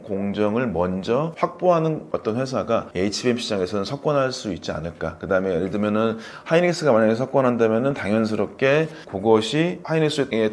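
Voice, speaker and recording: A man's voice: on the low side, a little mellow. A middle-aged man, a former chip researcher, explaining technical points as a guest expert, lecturing with fillers and self-corrections. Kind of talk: explanatory interview talk.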